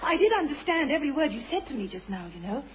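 Woman as high-voiced, confident Puss in Boots. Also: very animated, quick pace, slight background noise. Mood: proud, eager. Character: confident, grand talking male cat, a loyal valet. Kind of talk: theatrical pantomime acting. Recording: muffled stage recording with music.

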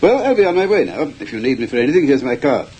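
An actor playing a polite, hesitant visiting family doctor with a husky voice in an old radio drama. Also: male voice, mid-range voice, sing-song, very fast, a little mellow.

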